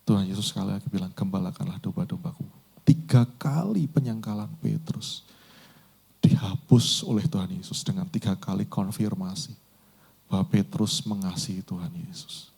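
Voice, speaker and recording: A man's voice: lowish voice, moderate pace, gravelly, dark tone, slightly rough. A man preaching a sermon. He tells a story vividly and addresses the congregation directly. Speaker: pastor.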